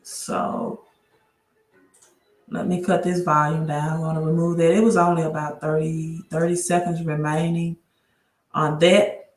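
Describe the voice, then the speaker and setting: Low-pitched and flat, a woman's delivery comes a little slow with long pauses, in a roomy-sounding setting. She's a credit educator hosting a relaxed livestream from her laptop mic, chatty, often restarting her sentences, and talking as she troubleshoots her setup.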